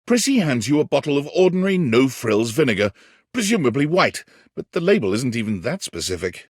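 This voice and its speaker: Speaking a little fast, this husky-voiced narrator tells a video game's scripted story in the second person, whimsical and theatrical. His pitch is lively, his tone wry but tender, every phrase carefully weighed. The recording is close and completely dry.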